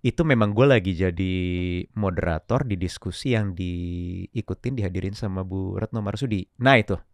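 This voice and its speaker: A man's voice: low voice, moderate pace, dry recording, studio quality. A man talking casually as a coach in an interview, explaining with examples and slipping in English words. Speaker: public speaking coach and guest.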